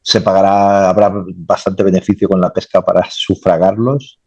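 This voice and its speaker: A man's voice: low-pitched, level tone, moderate pace, darkish tone, no echo, muffled recording. A man, a naval engineer, answering interview questions casually and rambling, often adding tag questions.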